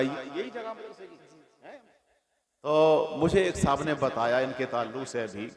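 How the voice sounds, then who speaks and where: A man preaching a sermon to a gathered crowd, exhorting and questioning listeners, with an Indian Hindustani accent. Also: medium pitch. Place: outdoor religious gathering at a madrasa.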